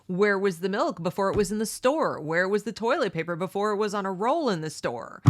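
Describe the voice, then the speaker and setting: A middle-aged woman hosts a read-along book discussion, offering opinionated commentary and rhetorical questions in an animated voice at a slightly fast pace. She mocks others using high, exaggerated voices.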